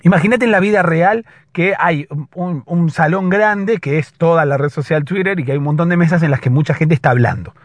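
A hoarse man hosting a casual solo podcast, explaining patiently and often checking in with his listeners. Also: fairly high pitch, a little fast, hardly any pauses, no room sound. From Latin America. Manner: explanatory, keeps checking in with a questioning "right?". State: hoarse, slightly husky voice. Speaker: podcast host.

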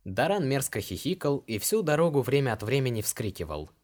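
A man narrating an audiobook in a steady, even reading voice. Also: medium pitch, a little fast.

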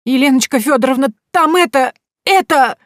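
A woman reading aloud, voicing an excitable, cheeky village boy who blurts out folksy speech. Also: sits high, normal speed, no room sound, studio quality, voice pushed up, close to an everyday voice. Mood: excited.

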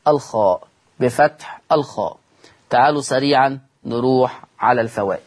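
A man's voice: mid-range voice, a little fast, husky. A man with an Egyptian accent teaching Quran recitation rules in a televised lesson, repeating key points and asking his students questions he then answers himself. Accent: Egyptian Arabic. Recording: studio broadcast.

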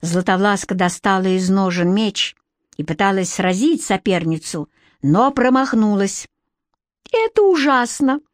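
A woman reading a storybook aloud as narrator, lively and expressive. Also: medium pitch, measured pace, dry recording, clean studio sound. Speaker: audiobook narrator.

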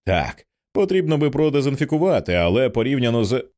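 A man's voice: mid-range voice, sing-song, a little fast, darkish tone, voice pushed up, natural voice. A man reading the lines of an easygoing young man in an audiobook, wry and casual.

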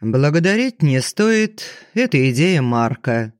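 A man's voice: on the high side, sing-song, slow, no echo, studio quality. A man reading a haughty, domineering older banker. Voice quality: curt, haughty, commanding. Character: arrogant older male banker, domineering and explosive.

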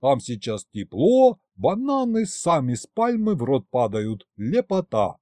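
A man's voice: mid-range voice, wildly swooping pitch, measured pace, darkish tone, dry recording, clean studio sound. A man voicing a sly old grandfather ghost with folksy, old-fashioned speech in an audiobook.

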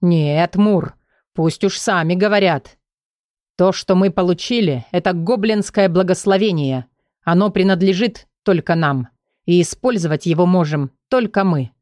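Here is a gentle young man, a student mage who speaks softly and steadily to reassure others, voiced by a woman narrator. The voice sits lower than her own. The recording is close and dry. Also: unhurried, dry recording, lightly acted. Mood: firm. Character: young male student mage, calm, protective.

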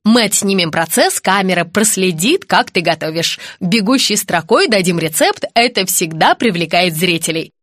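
A woman voicing a brisk, fussy female TV director who bosses her crew and gushes over the family. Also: fairly low pitch, expressive, fairly bright tone, no room sound, clean studio sound, voice pushed down. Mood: bustling.

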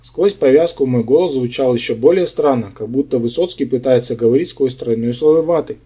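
Wry male audiobook narrator, mellow tone. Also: mid-range voice, fairly quick, breathy edge. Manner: wry, sardonic storytelling. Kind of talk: first-person humorous fantasy narration. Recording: dull lo-fi audiobook recording.

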